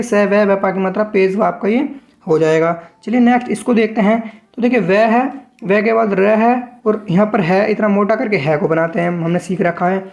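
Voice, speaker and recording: A shorthand teacher giving a patient step-by-step tutorial, sounding out syllables slowly one at a time and addressing learners as friends. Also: medium pitch, gravelly, a little mellow.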